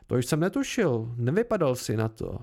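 A man's voice: mid-range voice, big pitch swings, darkish tone. A man voicing a timid male scribe who speaks hastily and nervously, in an amateur audiobook reading. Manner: hasty, nervous.

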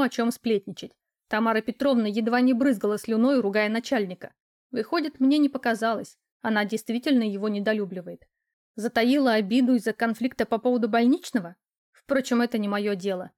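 Lively, ironic woman narrating a novel. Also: on the high side. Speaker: audiobook narrator. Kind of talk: first-person novel narration.

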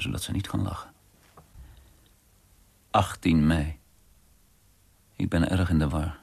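A man's voice: deep voice, vocal fry. A man reading a first-person diary novel for radio in an introspective way, often dropping to a near-whisper.

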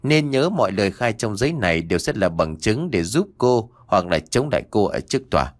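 A man's voice: on the low side, sing-song, a little fast, no room sound. A man voicing a stern uniformed officer who questions a prisoner in a formal, procedural tone.

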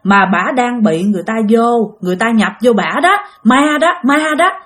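A woman voicing an alarmed young neighbor man, speaking in a hurried way. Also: on the high side, animated, a bit bright.

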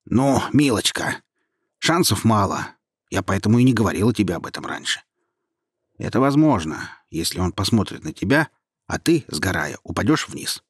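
A man's voice: low-pitched, expressive, moderate pace, breathy edge, no room sound, studio quality, full character voice. A man doing a snide know-it-all ornament. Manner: snide, patronizing. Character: old know-it-all female voice of a tree ornament.

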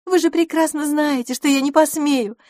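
A woman reading an audiobook, voicing a glamorous, bubbly young woman in a high, lilting, playful voice. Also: fairly even intonation, moderate pace, a little mellow, no room sound, clean studio sound, close to an everyday voice. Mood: coquettish.

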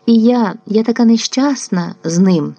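A woman voicing a desperate, unhappy peasant woman who pleads in a hushed, half-whispered voice. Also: fairly high pitch, a little slow, voice pushed up. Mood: pleading. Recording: dull lo-fi dry recording.

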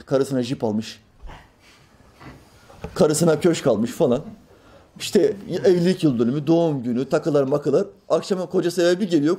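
A man with a mellow, warm voice preaches a sermon. He sits a bit high in pitch and talks in an animated way. He often slips into the voices of the people in his examples. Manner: animated, acts out quoted voices, drops to a soft voice for reverent lines.

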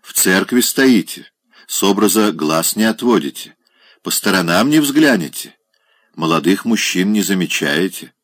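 A man voicing a coarse older male general who loudly mocks a lady with a marriage proposal, in an audiobook reading. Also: sits low, animated, dry recording. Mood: mocking. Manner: loud, mocking, drawn-out exclamations.

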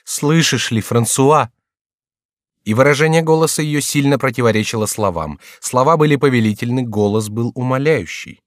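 A man's voice: mid-range voice, expressive, brisk, few pauses, no room sound, clean studio sound. Man narrating a classic novel. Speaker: audiobook narrator. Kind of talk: literary audiobook narration.

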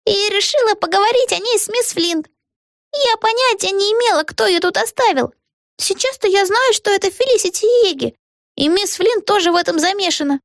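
A woman voicing a girl trapped in a doll, speaking slowly in a tiny squeaky voice. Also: dry recording, clean studio sound. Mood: chatty. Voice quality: squeaky, slow. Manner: slow sing-song speech. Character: little girl turned into a doll.

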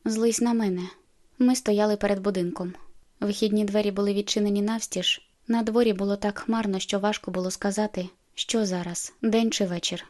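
A woman reading an audiobook in an even, subdued way. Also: mid-range voice, brisk. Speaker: audiobook narrator. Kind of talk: scripted narration.

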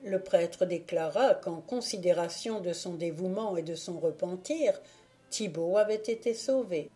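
A woman reads a classic novel aloud as an audiobook. Her voice is mellow and unhurried, and she takes her time over every phrase. A faint bed of music plays behind her. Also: on the low side. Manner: slow, measured, dramatic reading. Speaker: audiobook reader. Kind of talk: scripted audiobook narration.

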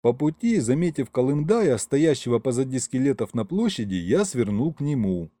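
A man's voice: mid-range voice, moderate pace, no echo. A man narrating an adventure audiobook in the first person. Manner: lively storytelling, first person. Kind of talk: scripted narration.

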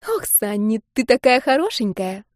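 A woman voicing an excitable young woman friend who gushes in a slightly raised voice in an audiobook. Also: on the high side, normal speed, no room sound, studio quality. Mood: gushing.

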